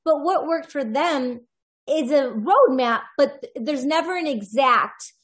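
Animated and high-pitched, this woman voiceover artist talks a little slowly as a podcast guest. The interview is casual and conversational, and she reflects aloud, wandering and restarting frequently.

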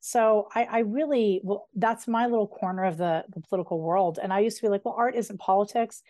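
A middle-aged woman novelist, a guest in a casual interview, talking in an animated, digressive way with quick asides. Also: mid-range voice, no echo, studio quality.

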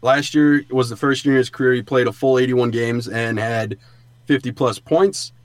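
A man's voice: medium pitch, fairly even intonation, moderate pace, no echo. A man co-hosting a sports podcast, explaining things in an informal, conversational way. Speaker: podcast co-host. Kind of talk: casual sports analysis chat. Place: sound booth in a studio.

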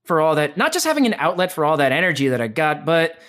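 A voice actor and voice teacher talks fast and energetically at a fairly high pitch in a casual interview, animated throughout and restarting often.

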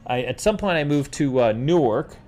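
A mid-range male voice at normal speed belongs to a middle-aged New York City host chatting casually on a livestream. Answering questions from viewers, he rambles through stories in an animated way and keeps calling people "dude."

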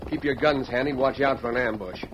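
A man's voice: mid-range voice, steady tone, fast, lightly acted. A man playing an authoritative Wild West sheriff, folksy and barking orders in old radio drama style. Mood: stern. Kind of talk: old-time radio western acting. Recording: dull old radio recording with hiss.

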